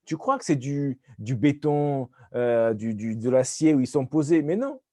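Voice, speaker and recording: A man's voice: medium pitch, animated, unhurried, warm tone, dry recording, studio quality. A man from Portugal riffing as a comedian in loose, jokey chat, rambling and dropping into playful mock voices.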